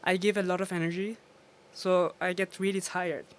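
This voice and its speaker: A woman's voice: lowish voice, little pitch movement, moderate pace. A woman from Iran, a DJ being interviewed, telling stories with many fillers and frequent laughs. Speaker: DJ and guest. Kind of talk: casual interview.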